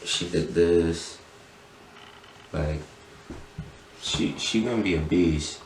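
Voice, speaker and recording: Very low male voice, stoner drawl, slangy casual chat, unhurried pace, roomy echo. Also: slight background noise. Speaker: podcast guest, tattoo shop owner. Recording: roomy echo, distant mic.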